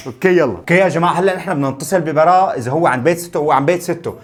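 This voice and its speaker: A man's voice: on the high side, rapid-fire. A man hosting a casual prank vlog, bossy and teasing with his younger brother. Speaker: vlog host setting up a prank.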